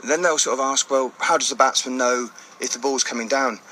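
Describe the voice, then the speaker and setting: A man talks casually as an interview guest. His voice is medium-pitched and forward, with a bright edge. He explains things informally, over faint ambience. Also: steady tone, brisk, slight background noise. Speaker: interview guest, blind cricket player.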